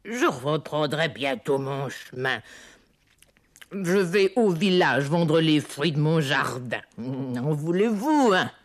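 A cackling, wheedling old witch in a storybook recording. Her voice sits low and husky, and she drags her words out slowly. She is sly and gloating. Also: expressive, exaggerated voice. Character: wicked jealous queen turned old witch, cackling.

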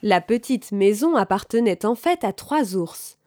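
A woman reading a children's story aloud, slowly and expressively, with clear articulation. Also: mid-range voice, expressive, darkish tone, no room sound, studio quality.

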